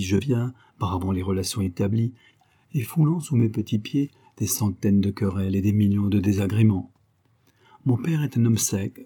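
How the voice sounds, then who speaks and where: A man narrating a literary diary as an audiobook reader, in a measured, expressive reading. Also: lowish voice, breathy edge.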